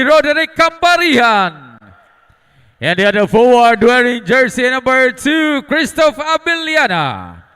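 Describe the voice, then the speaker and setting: A man doing hyped arena announcing, stretching out and shouting names like a showman in a fighting game. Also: extremely high pitch, clean tone. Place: large indoor basketball arena over PA.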